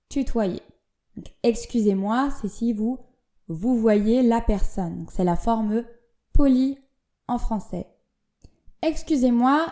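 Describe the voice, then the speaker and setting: Slow, mellow French teacher woman. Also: fairly high pitch. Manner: careful, demonstrates intonation on example words. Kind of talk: slow, clear language lesson.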